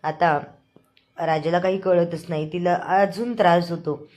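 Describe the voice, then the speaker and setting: A woman's voice: lowish voice, fairly even intonation, unhurried, darkish tone. A woman host casually retelling the latest episode of a TV serial in a chatty present-tense way. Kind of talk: casual storytelling recap.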